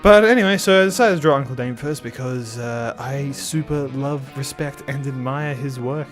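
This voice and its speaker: Feeling slightly sick and sounding a bit nasal, a man talks casually on his art channel while doing a speed drawing, rambling and restarting often. His voice is mid-range at a moderate pace, with soft background music underneath.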